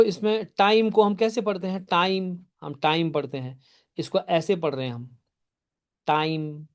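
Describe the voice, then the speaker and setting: Guy teaching an online class, highish voice, keeps asking "ok?" and walks through examples step by step. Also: a little mellow. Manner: addresses students by name and answers their typed questions. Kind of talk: live online class lecture.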